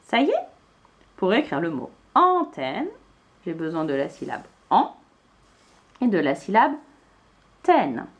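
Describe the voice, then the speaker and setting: Woman, teacher, spelling lesson for young kids, very animated pitch, letter-by-letter spelling. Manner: slow, clearly spelled out letter by letter.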